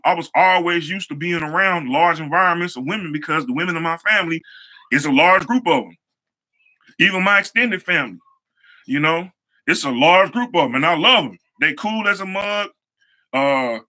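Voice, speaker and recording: A young man hosting his own show, telling personal stories in a casual motivational way, repeating phrases and using relaxed slang. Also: on the high side. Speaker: show host, hair stylist.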